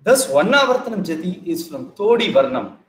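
South indian accent guy teaching, kinda high voice, pauses between phrases, echoey hall. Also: sing-song, a bit bright. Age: middle-aged. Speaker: classical dance teacher. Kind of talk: informal lecture-demonstration. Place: large bare indoor hall. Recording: echoey room, audible background noise.

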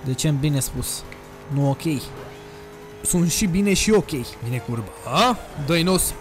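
A young man talks over his racing game in a casual, crude commentary. His voice sits high and jumps into loud excited shouts. Faint game music plays under his voice from a desk microphone at home. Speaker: gaming youtuber. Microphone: desk USB microphone.

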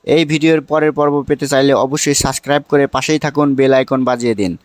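A man's voice: fairly high pitch, fairly even intonation, quick pace, no room sound. A man delivering a scripted channel outro as an announcer. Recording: prominent music under the voice.

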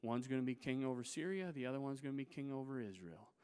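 A man's voice: medium pitch, quick pace, darkish tone, clear, resonant tone, lightly acted. A male pastor voicing God giving firm, authoritative commands, in a reverberant sanctuary. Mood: commanding.

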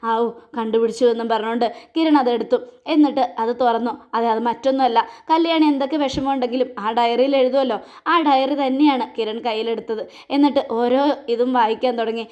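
A woman giving a casual spoken recap of a TV serial episode, briskly retelling scenes and slipping into the characters' lines. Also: on the high side, fairly even intonation, a little mellow, highs cut off.

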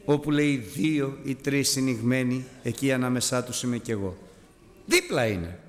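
A man preaching a sermon, animated, climbing to high exclamations and dropping low as he tells a story. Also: long reverb tail.

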